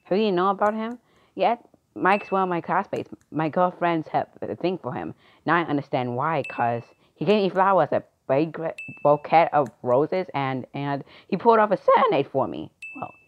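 A woman performing an amateur skit, reading the lines in a halting, unpolished way. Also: low voice, animated, highs cut off, slight background noise. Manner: unpolished, halting line delivery. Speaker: skit performer voicing both parts.

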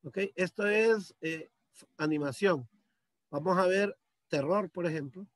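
High-voiced man teaching a computer class. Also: unhurried, no echo. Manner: patient step-by-step explaining, addressing students. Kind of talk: screen-share computer lesson. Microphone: computer mic on a video call.

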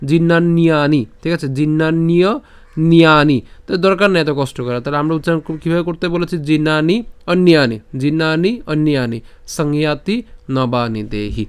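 A man's voice: on the high side, clear, resonant tone. A man teaching Sanskrit verse pronunciation in a voice-over lesson, breaking the words into syllables and checking in often with the listener. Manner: breaks verses into syllables, then chants slowly. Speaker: Gita recitation teacher.

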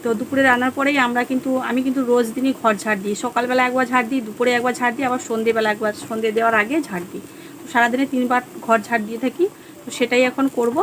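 A woman vlogger with a Bengali accent, chatting casually to viewers at home about her day, rambling with many fillers, her voice a little hoarse. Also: fairly high pitch, fairly even intonation, racing, a bit bright, a little hiss or hum. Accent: Bengali (West Bengal). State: hoarse, throat going. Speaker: vlogger, housewife. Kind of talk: casual vlog chat to viewers.

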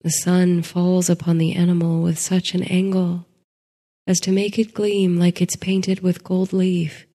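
A woman narrating a sleep story in a soft, hushed voice that slips into whispers. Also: fairly low pitch, little pitch movement, unhurried, in a large hall.

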